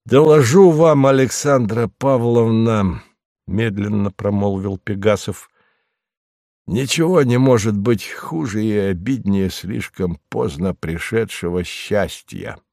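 A man voicing a bitter, grumbling middle-aged landowner in an audiobook, speaking slowly and sourly. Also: fairly low pitch, a little mellow, no echo, studio quality. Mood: gloomy. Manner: slow, sour, sententious. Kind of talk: audiobook character reading.

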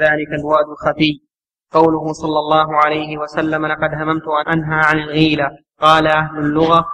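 A male student reading a written text aloud in class, in a steady recitation. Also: fairly high pitch, rough recording.

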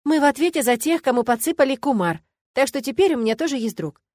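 A woman's voice: high-pitched, animated, quick pace, no echo, studio quality, pitched above the performer's own voice. Woman voicing a feisty young heroine. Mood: tender. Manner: loud, indignant and emphatic.

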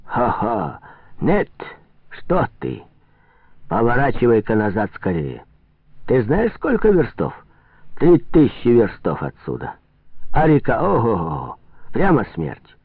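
A man's voice: huge pitch swings, slow, vocal fry, long pauses, husky, no echo, full character voice. A man voicing a fat, wheezing foreign merchant with a nasal, guttural voice in a storybook reading. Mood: indignant. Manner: shrill, shouting, indignant. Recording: tinny phone-like sound.

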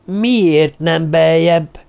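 Man voicing a gruff, irritable old dwarf leader. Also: lightly acted. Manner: irritable, shrill when excited. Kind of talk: audiobook character voice.

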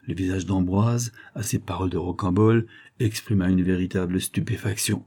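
A man reading a classic novel aloud as an audiobook narrator, in a measured storytelling manner. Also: deep voice, steady tone, mellow.

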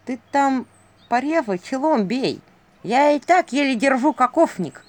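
A woman's voice: low-pitched, sing-song, moderate pace, a little mellow. A woman voicing a grumpy, jealous male owl sidekick with a grumbling, sardonic manner. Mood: strained.

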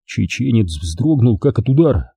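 A man's voice: medium pitch, very animated, normal speed, creaky, dark tone, breathy edge, no echo, studio quality. A man reading an audiobook narration expressively. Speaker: audiobook reader. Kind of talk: scripted narration.

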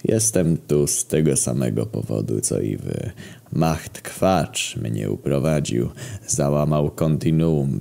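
A man voicing a weary old sculptor with a hoarse voice and slow mournful drawl. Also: a bass voice, dark tone, pitched below the performer's own voice, full character voice.

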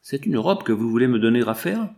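Un homme jouant une jeune couturière orpheline. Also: male voice, medium pitch, very animated, brisk, gravelly, dark tone. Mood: doux.

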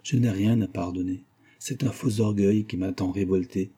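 A man reading a calm, gentle young woman. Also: low-pitched, normal speed, slightly rough. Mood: tender. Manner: calm and soothing. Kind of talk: audiobook reading.

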